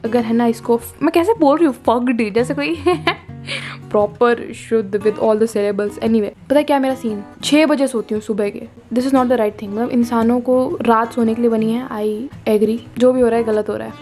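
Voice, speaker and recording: A woman's voice: fairly high pitch, normal speed, dark tone, faint music behind. A young woman from India rambling through a casual late-night vlog monologue, mixing Hindi and English and swearing casually, lying on the floor at home and talking to her phone camera. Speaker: vlogger. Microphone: phone camera up close.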